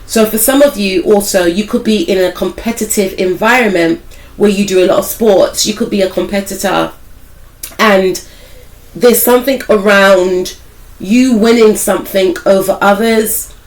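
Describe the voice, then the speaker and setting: Croaky from a cold, a spiritual life coach does a relaxed tarot reading for her audience at normal speed and medium pitch. She drifts between points, hedges with "I feel like," and talks straight to "some of you." Poor audio.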